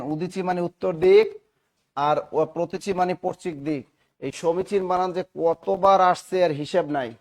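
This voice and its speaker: Man, Bangladeshi accent, high-pitched, dictating spelling rules, repetitive drilling teacher. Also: a little mellow. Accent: Bangladeshi Bengali. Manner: repetitive, drilling, asks and answers his own questions; clears throat often.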